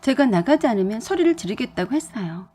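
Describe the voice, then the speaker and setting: Breathy woman narrating a story. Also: fairly high pitch, sing-song, fast talker, mellow.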